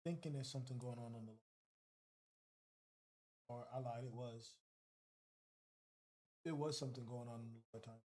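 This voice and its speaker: A man's voice: mid-range voice, steady tone, normal speed, pauses often, dark tone. A man hosting a trading livestream, giving casual, slangy live commentary and talking to his chat.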